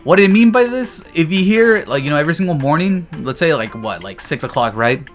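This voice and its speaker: Faint music plays behind a young vlogger from Texas in the United States as he jokes casually with viewers, spinning a loose, slangy tale. He sounds expressive and brisk, his voice on the high side.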